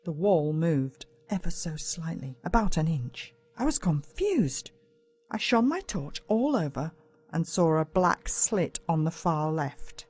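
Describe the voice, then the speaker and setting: Her voice is low and a little mellow, with a sing-song lilt and a slow pace. She is an Australian audiobook narrator reading a first-person children's story from a script, and she plays up the drama and suspense.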